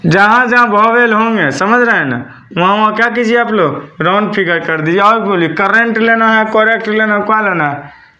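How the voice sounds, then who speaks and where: A man's voice: high voice, moderate pace, pushed and bright, muffled recording. A man teaching a classroom lesson. He spells words out letter by letter and keeps asking the students questions. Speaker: English teacher. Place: classroom with a board.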